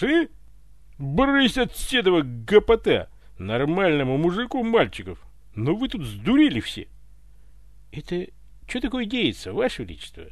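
A man voicing Ivan, a startled, indignant young man who has to pass as tsar, shouting in a high, strained voice in a storybook reading. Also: creaky, breathy edge, dry recording, clean studio sound, full character voice. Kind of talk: audiobook character voice.

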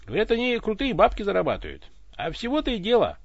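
A man voicing a rough-spoken space fleet pilot with a blunt, coarse manner, on a dull, dry recording. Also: high-pitched, wildly swooping pitch, quick pace, no echo, voice pushed up, full character voice. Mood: boastful.

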